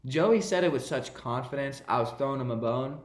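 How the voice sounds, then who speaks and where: Male podcast co-host, playful needler, animated and mock-indignant, roomy sound. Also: medium pitch, a little fast. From New York. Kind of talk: casual podcast banter. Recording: roomy echo.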